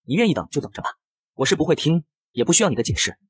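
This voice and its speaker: A man's voice: fairly high pitch, very animated, rapid-fire, husky, no echo, studio quality, heavily acted. A man voicing a proud, stubborn young male celebrity who speaks curtly and sarcastically. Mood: cold. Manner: cool, sarcastic, curt.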